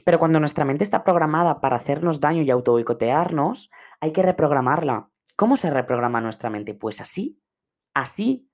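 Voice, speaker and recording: A man's voice: fairly high pitch, lively intonation, brisk. Earnest man coaching on a podcast. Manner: earnest, repetitive, emphatic. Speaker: personal development coach. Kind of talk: podcast monologue.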